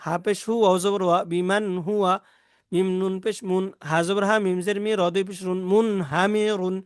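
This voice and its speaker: High-voiced Bangladeshi man drilling Arabic letters. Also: flat delivery, clean tone, no echo, clean studio sound. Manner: slow, repetitive drilling. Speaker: Quran recitation teacher. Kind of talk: spelling out Arabic letters and vowel marks to teach tajweed.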